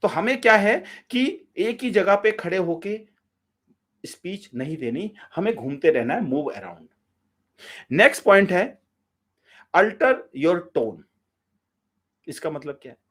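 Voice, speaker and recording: A man coaching public speaking in a live session, energetic and direct, giving step-by-step instructions and talking to listeners as friends. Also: high voice, takes it slowly, long pauses.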